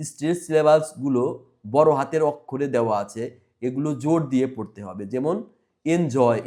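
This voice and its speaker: A man teaching a school English lesson, reading English lines very slowly and explaining them in Bengali. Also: on the high side, darkish tone.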